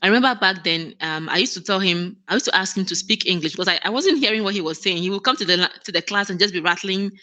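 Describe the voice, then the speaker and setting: A woman speaks fast with few pauses, in a mid-range voice with a sharp tone. She's an operations manager appearing as a guest in a conversational interview, earnest in manner, often restarting and quick to laugh.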